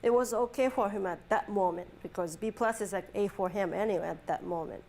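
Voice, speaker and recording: A woman's voice: medium pitch, a little fast, vocal fry, darkish tone, a little hiss or hum. A woman psychology professor giving a classroom lecture, mixing chatty stories with textbook definitions and acting out quoted dialogue.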